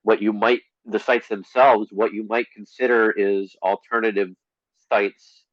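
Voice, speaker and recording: A man speaking as an interview guest in a relaxed, conversational way, with a dry, deadpan humor. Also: lowish voice, a little slow, no echo, highs cut off. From Connecticut, USA.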